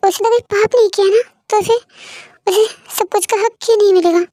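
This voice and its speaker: Girl doing a worried pregnant wife, super high voice, dry close sound, pleading. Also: steady tone, brisk, warm tone, no echo. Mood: tearful. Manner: pleading, tearful. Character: pregnant young wife, anxious and tearful. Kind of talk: fan story voice acting.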